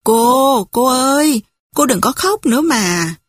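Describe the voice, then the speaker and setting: A woman voices a restless, willful young widow, petulant and defiant. The voice is high and breathy and recorded dry and close, as in an audiobook. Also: expressive, takes it slowly, no echo, heavily acted. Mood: pleading.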